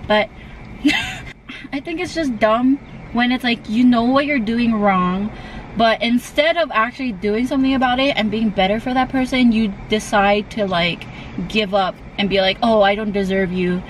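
A woman's voice: a little high, moderate pace. A young woman chatting casually with a friend, swearing often and breaking into laughter as she tells stories. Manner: swearing, laughing, animated storytelling. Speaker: vlogger. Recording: distant mic with loud background noise.

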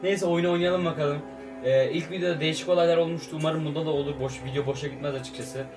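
A man talks his way through a mobile game in a loose, casual commentary, sounding drained and low on energy as he rambles on. His voice sits a little back from the microphone, with faint music playing underneath. It has the feel of a late-night session at home. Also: steady tone, quick pace, recorded from a distance.

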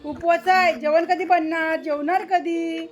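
A woman's voice: very high voice, fairly even intonation, unhurried, faint music behind. A woman filming a casual home vlog in her kitchen, talking to her pets in fond baby talk. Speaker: home vlogger. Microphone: handheld phone.

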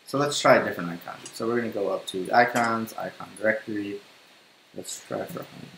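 A man's voice: on the low side, steady tone, a little fast, creaky, a bit bright. A young man teaching coding in a casual screencast, talking to himself as he types. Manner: casual, thinking aloud while typing. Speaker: coding tutor. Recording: roomy home recording with faint hiss.

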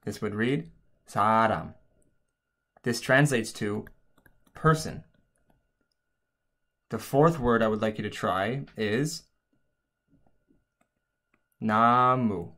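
A man's voice: mid-range voice, slow, pauses often, fairly bright tone. A man narrating an instructional language lesson as a teacher, explaining things step by step.

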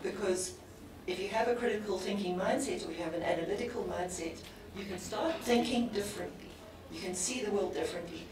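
A woman with a South African English accent speaking directly and briskly on a conference panel. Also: medium pitch. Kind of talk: panel discussion. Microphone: handheld mic. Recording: very echoey hall, distant, background noise.

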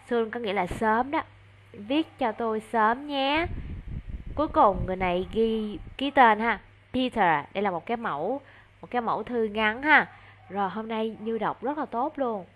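Vietnamese accent lady teaching kid english, cheery praise, says words real slow. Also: on the high side, fairly bright tone. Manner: encouraging, slow deliberate English modelling. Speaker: English tutor. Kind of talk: online English lesson for a child.

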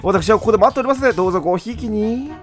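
A man's voice: very fast, faint music behind, lightly acted. A man voicing an overly polite peddler in a video game who sells secret tips. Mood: fawning. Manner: fawning, overly polite sales pitch. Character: smooth-talking peddler selling tips.

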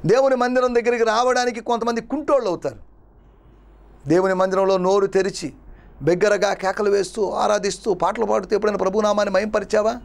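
High gravelly preaching pastor. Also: male voice, steady tone, quick pace. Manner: dramatic preaching with repeated rhetorical questions. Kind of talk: Telugu sermon.

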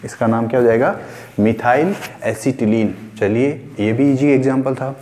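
A male chemistry teacher talks through an online lesson, speaking Hindi with English terms mixed in. He repeats key words and asks the class questions. His voice is dark and mellow, with a long reverb trailing behind it. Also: mid-range voice, moderate pace.

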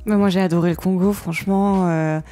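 A woman's voice: lowish voice, fairly even intonation, fairly quick, dark tone, soft background music. A young woman chatting casually and colloquially with her partner. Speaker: co-host of a couple's channel. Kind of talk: casual chat.

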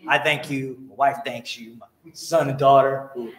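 A man's voice: mid-range voice, fairly even intonation, normal speed, roomy sound. A middle-aged man with traces of a New York accent, lecturing on law in a chatty, digressive way with self-mocking humor. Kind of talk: explanatory lecture with wry asides.

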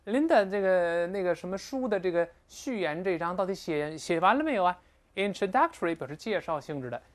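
A woman lectures on an English text. Her voice sits a little low but moves up and down freely. She slows right down to spell out English phrases. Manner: lively, explanatory, quotes English phrases slowly. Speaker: English teacher. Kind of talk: recorded lecture explaining a textbook.

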